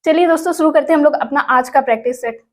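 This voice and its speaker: A woman in a high voice teaches an exam prep lesson very fast, treating viewers like friends. She asks questions and repeats each answer for them.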